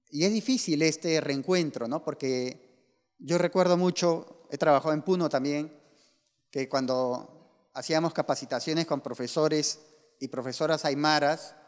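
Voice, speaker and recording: A man presenting his novel to an audience, reading aloud and then telling anecdotes that he acts out with lively dialogue. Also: a little high. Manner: animated storyteller acting out dialogue. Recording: long hall reverb.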